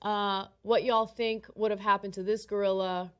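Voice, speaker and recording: A woman's voice: medium pitch, level tone, normal speed, clean tone. A woman presenting a series of examples in an easygoing, slightly hesitant manner. Her voice sits in a middle range. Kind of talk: casual commentary.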